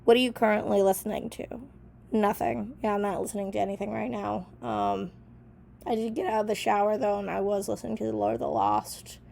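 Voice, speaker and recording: A young woman talks casually to her camera in her bedroom, her voice stuffy from being sick. She reads out old questions and answers with an easy, filler-heavy chattiness. Her tone has a gravelly fry, her pitch sits mid-range, and a faint hiss runs underneath. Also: animated, a little fast, darkish tone. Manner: chatty, reads each question then comments offhand with many fillers. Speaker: vlogger. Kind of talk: casual vlog, reading old journal answers aloud. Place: small bedroom in an apartment.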